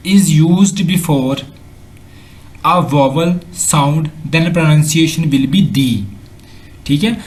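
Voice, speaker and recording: A man with a Pakistani accent teaching English grammar over slides, slowly repeating examples and mixing in English sentences. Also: a little high. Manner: slow and repetitive, drills examples aloud, mixes in English sentences. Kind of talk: slide-based lesson explanation.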